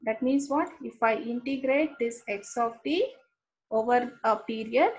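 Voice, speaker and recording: Speaking a little slowly in a slightly high voice, an Indian English-accented woman lectures on engineering over a rough recording. Her style is explanatory and methodical, with repeated terms and regular "okay" checks.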